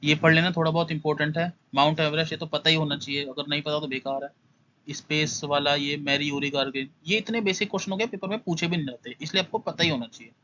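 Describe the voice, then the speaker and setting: Young male tutor, quick casual lesson, bright edge, slightly muffled lo-fi sound. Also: a little high, steady tone, a little hiss or hum. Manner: brisk, skims through points, repeats "must know". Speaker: exam prep tutor. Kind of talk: casual exam-prep lesson.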